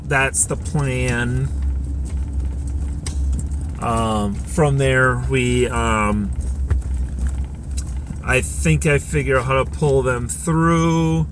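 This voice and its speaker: Slow-talking man musing while driving. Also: medium pitch, background noise. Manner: rambling, thinking aloud with many fillers. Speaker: podcast host. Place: inside a car.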